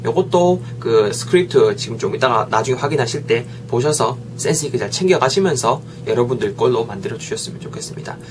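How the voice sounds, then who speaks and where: A man's voice: medium pitch, lively intonation, quick pace, hardly any pauses, background noise. A man teaching English in a video lesson, coaxing students and drilling phrases over and over.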